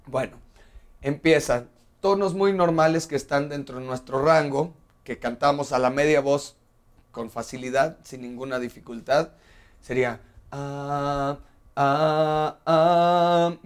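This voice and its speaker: A man teaching a singing lesson, explaining step by step and asking rhetorical questions along the way. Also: on the high side. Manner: breaks into sung scales and long "ah" tones. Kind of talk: vocal lesson.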